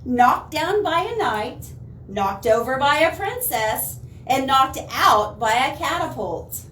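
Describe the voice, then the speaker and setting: This is a librarian's picture-book read-aloud for children: very animated and a bit bright, pitched high and paced slowly. She punches words dramatically and adds comments for the kids. A distant microphone picks up plenty of room reverb and faint noise.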